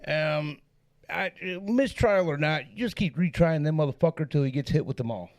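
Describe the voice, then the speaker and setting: High, gravelly man cracking sarcastic jokes. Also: animated, moderate pace. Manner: sarcastic, profane, laughs often. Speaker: podcast co-host. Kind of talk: casual true-crime podcast chat.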